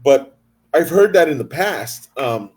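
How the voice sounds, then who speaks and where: Man, interview host, casual chat, enthusiastic, stammering, repeats words, slightly high voice. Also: very animated, unhurried, a little mellow, breathy edge.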